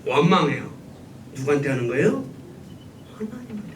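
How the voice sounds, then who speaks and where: A man's voice: big pitch swings, moderate pace. A man preaching a sermon as pastor, asking the congregation questions and answering them himself. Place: church sanctuary. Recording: echoey church room, mic at a distance, faint rumble.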